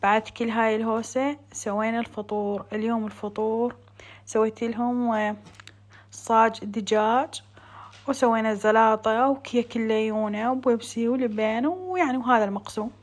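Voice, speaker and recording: A woman's voice: fairly high pitch, fairly even intonation, normal speed. A woman with a southern Iraqi Arabic accent doing a casual, chatty vlog voice-over, talking to viewers like friends as a home cooking vlogger. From Iraq.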